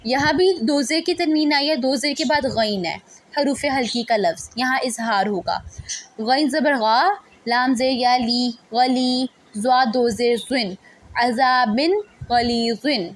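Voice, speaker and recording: A woman's voice: sits high, a little hiss or hum. A woman teaching Quran recitation rules, patiently spelling out letters and syllables one at a time. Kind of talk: step-by-step tajweed lesson.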